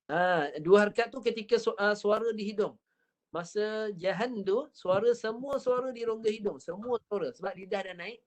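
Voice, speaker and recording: A woman with a Malaysian accent teaching Quran recitation over a video call. She demonstrates each sound slowly and repeats it patiently. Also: medium pitch. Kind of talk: online tajwid lesson.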